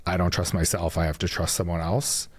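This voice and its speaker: A man with a deep, low-pitched voice hosts a reflective podcast interview. He talks in a measured, affirming way, drawing the guest's points together. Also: flat delivery, husky. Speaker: podcast host.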